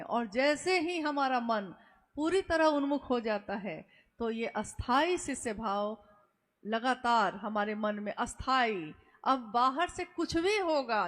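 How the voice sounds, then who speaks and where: A woman giving an earnest devotional discourse, repeating words for emphasis and taking questions from listeners. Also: fairly high pitch. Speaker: spiritual speaker.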